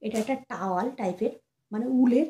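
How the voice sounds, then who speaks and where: Fast-chatting young woman, high voice. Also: lo-fi sound, slight background noise. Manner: chatty, talking softly so the baby sleeps. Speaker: vlogger showing baby gifts. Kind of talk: casual chat to camera.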